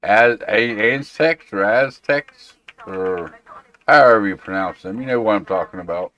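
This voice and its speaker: A man's voice: fairly low pitch, unhurried, a bit bright, highs cut off. A man hosting a tech show, chatting casually and informally and reacting to viewer comments. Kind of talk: casual livestream chat.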